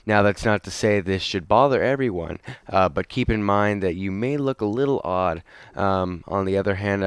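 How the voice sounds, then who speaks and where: A man's voice: deep voice, smooth, no room sound. A man hosting a product review, giving wry, dry commentary with an occasional filler.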